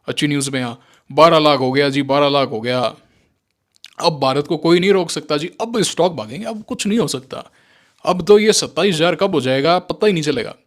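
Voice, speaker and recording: A man teaching stock trading in casual, animated commentary, sarcastic and mocking, with Indian-accented English mixed into his talk. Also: on the high side, a little fast. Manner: sarcastic, mocks listeners in mimicking voices. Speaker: stock market trading educator.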